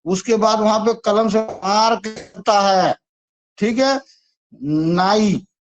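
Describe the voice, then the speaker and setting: A man's voice: high voice, fairly even intonation, slow. A man teaching an exam-prep lesson, chatty and repetitive as he coaxes students through memory tricks. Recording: dull lo-fi sound.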